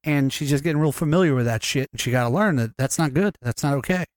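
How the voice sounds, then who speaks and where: A podcast co-host rambles through a casual chat, cursing freely and restarting his sentences often. His voice is a little high and he talks fast, recorded at studio quality with no room sound.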